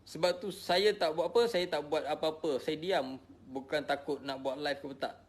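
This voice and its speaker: This man's voice sits on the high side, with fairly even intonation and a moderate pace. Middle-aged, from Malaysia, with a Malaysian Malay accent, he's a social media personality giving his followers a casual personal explanation. Weary and emotional, he defends himself and keeps repeating what he's said.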